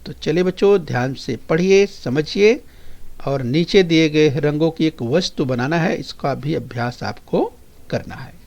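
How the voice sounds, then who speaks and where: A man teaching a recorded lesson to young children, singing a poem slowly and then coaxing them to repeat words after him. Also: fairly high pitch, creaky, darkish tone. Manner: coaxing, addresses the children directly and often. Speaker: primary school teacher.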